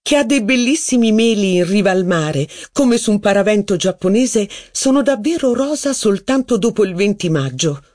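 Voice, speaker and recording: A reader voicing a confident aristocratic duchess who corrects others with ease. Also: female voice, medium pitch, lively intonation, normal speed, few pauses, a little mellow, no room sound, studio quality, pitched above the performer's own voice, lightly acted. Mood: assured.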